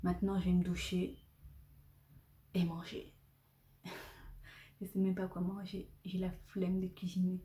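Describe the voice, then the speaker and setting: A woman's voice: fairly low pitch, monotone, a little slow, long pauses, dark tone. A young woman chatting casually to camera at home as a vlogger, laughing often and swearing lightly. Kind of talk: casual vlog chat to camera. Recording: roomy echoey home recording.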